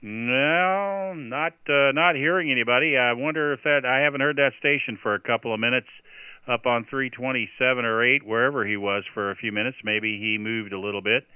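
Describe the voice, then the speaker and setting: A man runs a radio net in marine radio style, spelling out call signs and chatting informally in between. His voice is very clear, with a medium pitch. It comes through a thin, phone-like radio channel. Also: brisk, dry recording. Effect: two-way radio transmission. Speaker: net controller, radio operator. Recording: narrow phone-like radio audio, dry.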